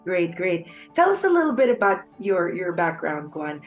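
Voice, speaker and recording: A woman's voice: fairly low pitch, big pitch swings, moderate pace, faint music behind. A woman hosting an interview, asking questions and murmuring along attentively. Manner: attentive, frequent back-channel murmurs. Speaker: interview host.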